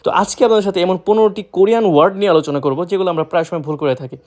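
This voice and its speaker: Young guy from bangladesh teaching words, pretty high pitched, drills everything twice. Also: very fast, a little mellow. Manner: repetitive drill, asks and answers own questions. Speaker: language teacher. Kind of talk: vocabulary lesson.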